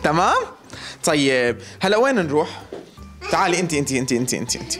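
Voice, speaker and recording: A man's voice: fairly high pitch, big pitch swings, rapid-fire, fairly bright tone, soft background music. A young man hosting a street interview show, teasing and joking affectionately with children at a care center.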